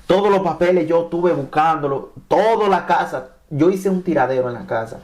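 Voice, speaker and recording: This is a man from Mexico, a native Spanish speaker, telling his own immigration story as a testimony. His voice sits a little high for a man. He keeps circling back and restarting his phrases as he goes. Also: normal speed, a little mellow. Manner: repeats and restarts phrases, acts out quoted dialogue. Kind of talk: animated personal testimony.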